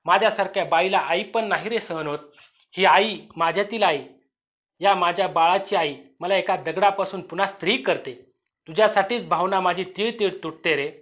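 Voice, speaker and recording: A man's voice: high-pitched, normal speed, a bit bright. A man reading an audio story, voicing a grief-stricken young village mother who pleads tearfully and raises her voice. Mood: pleading.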